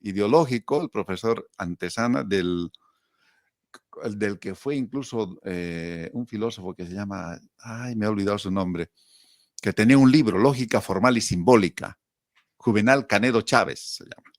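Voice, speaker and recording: A middle-aged Bolivian man with a fairly low voice reminisces in a casual way. He tells it as a storyteller, quoting people and putting questions to himself. The sound is close and dry. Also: moderate pace, dry recording. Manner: animated storyteller, acting out quotes and asking himself rhetorical questions. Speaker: interview guest.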